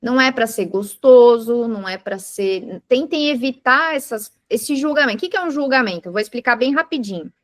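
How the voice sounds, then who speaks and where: A woman's voice: a little high, animated, brisk, few pauses, no echo, studio quality. A woman teaching mindfulness to a live group, patiently explaining with everyday examples and asking the class questions. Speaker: mindfulness instructor. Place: indoor room with a live group.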